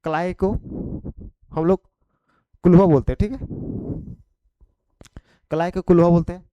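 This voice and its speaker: A man's voice: high-pitched, steady tone, normal speed, dark tone, clear, resonant tone, dry recording, lo-fi sound. A man with a Khortha accent teaching an exam prep vocabulary lesson, repeating each point and checking in after it.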